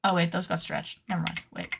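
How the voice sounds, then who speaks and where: A woman streaming casually while she works at a computer, playfully dramatic as she scolds her sewing patterns out loud. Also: on the low side, flat delivery, fairly quick, vocal fry, noisy background. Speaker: cosplay pattern maker and streamer. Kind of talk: casual livestream chat while working at a computer.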